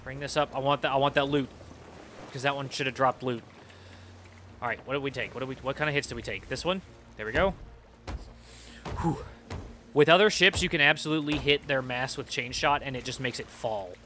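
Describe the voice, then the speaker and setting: A young man streaming a video game, excitably talking to himself as he plays. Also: medium pitch, a little fast, pauses often, a little hiss or hum. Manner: excitable, talks to himself while playing. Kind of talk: live gameplay commentary.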